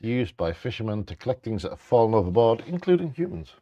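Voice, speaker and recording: A man's voice: fairly low pitch, sing-song, fast talker, dark tone, no room sound, highs cut off. A man co-hosting a live bingo game, reading out short facts alongside casual asides.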